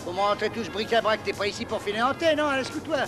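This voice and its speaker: Bossy old junk shop boss, high voice, grumbly and slangy, dubbed movie with music. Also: male voice, expressive, very fast. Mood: bossy, grumbling. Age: middle-aged or older. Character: gruff, stingy, grumbling older male junk dealer. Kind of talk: dubbed film acting.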